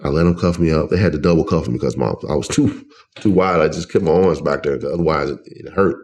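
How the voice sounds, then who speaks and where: A middle-aged man telling his own story as an interview guest, emotional and halting, often restarting his words. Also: rumbling low, a little mellow. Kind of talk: personal testimony in an interview.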